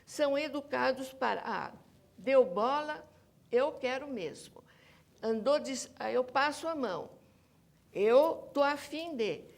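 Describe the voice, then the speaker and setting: Speaking slowly with lively intonation and vocal fry, a high-voiced Brazilian woman appears as a panel's academic guest. The researcher and author is emphatic, going back over her points and insisting on them.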